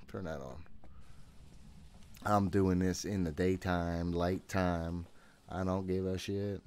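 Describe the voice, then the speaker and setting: This video game streamer, a man in his thirties, has a low-sitting voice with a darkish tone. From a small room at home, he narrates a horror game casually into a nearby desk mic, easily startled and swearing as he mutters to himself.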